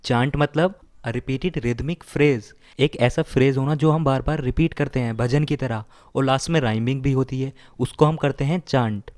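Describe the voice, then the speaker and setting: A male teacher walking learners through word roots, mixing two languages. He restates every meaning several times and checks in with a quick "right?". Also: medium pitch, darkish tone. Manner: explains slowly, repeats meanings, asks "right?". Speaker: vocabulary teacher. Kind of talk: bilingual vocabulary lesson.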